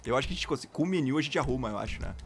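A young adult man with a Brazilian Portuguese accent, giving casual, jokey game commentary with sudden loud exclamations. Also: mid-range voice, animated, racing. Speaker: gameplay commentator. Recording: loud game car noise behind voice.

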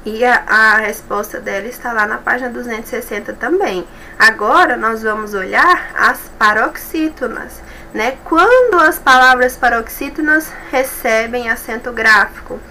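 A Brazilian Portuguese-speaking woman teaches a review class with a bright, clear voice set a little high. She explains step by step and keeps checking in with her listeners. A faint hum of background ambience sits under her voice. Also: moderate pace, low-quality recording. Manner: patient, explanatory, checks in with tags like "certo?" and "tá bom?". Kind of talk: online class review lesson.

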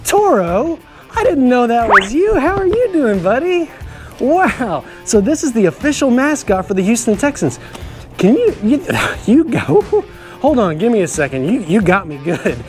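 In upbeat kids' show fashion, a middle-aged cowboy host shows off a stadium locker room, exclaiming and laughing a lot. He speaks over music in a very high, sing-song voice at a moderate pace.

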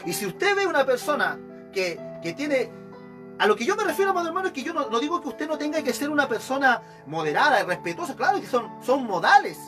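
A man with a Chilean accent delivers an evangelical sermon in a high voice. He keeps mimicking the people he talks about, so his pitch leaps and falls. Soft music plays under him. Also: quick pace. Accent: Chilean Spanish. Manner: animated, acts out examples of church members. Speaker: preacher.

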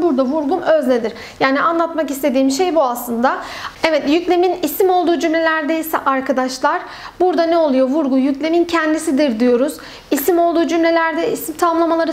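A young woman teaching an online grammar lesson, who explains step by step and asks and answers her own questions. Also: sits high.

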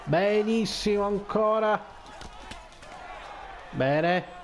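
Guy talking to himself while gaming, higher voice, keeps telling himself to calm down, slow and drawn out. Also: a little hiss or hum. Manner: mutters to himself, repeatedly urging calm. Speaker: gameplay commentator. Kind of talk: casual gameplay commentary.

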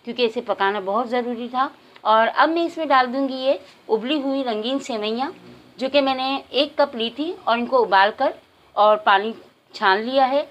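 A cooking channel host with a high voice calmly walks viewers through a recipe in a step-by-step voice-over, speaking to them directly in an instructive way.

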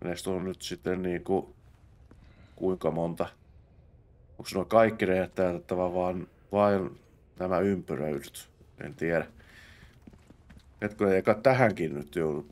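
A man's voice: sits low, steady tone, long pauses, darkish tone. A young Finnish man giving casual gameplay commentary, muttering to himself and bursting into exclamations during fights. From Finland. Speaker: let's play host.

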